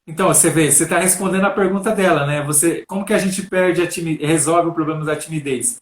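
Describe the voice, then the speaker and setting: A man's voice: a little high, fast talker. Echoey Brazilian man giving coaching tips. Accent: Brazilian Portuguese. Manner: calm, instructive, repeats "né?". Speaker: coach and speaker. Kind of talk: live stream talk, answering questions.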